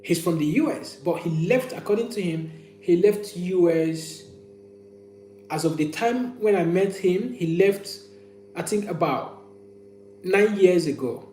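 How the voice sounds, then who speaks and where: A man's voice: high-pitched, animated, measured pace, dark tone. A man hosting a casual live chat, telling personal stories and opinions and often restating phrases for emphasis. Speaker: livestream host. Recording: echoey room with faint hum.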